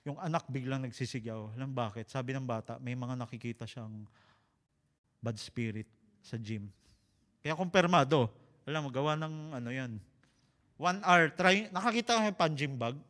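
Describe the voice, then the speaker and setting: Preaching with a mid-range voice and steady, moderate speed, a Filipino-accented man mixes Tagalog and English. His sermon is lively and full of jokes and stories, and the sound carries a long reverb tail.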